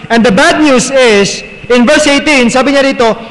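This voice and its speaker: A man's voice: very high-pitched, normal speed, fairly bright tone. A man with a Filipino accent preaching a sermon as pastor, mixing Tagalog and English and often asking the congregation "right?". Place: church sanctuary. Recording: long reverb in a church hall.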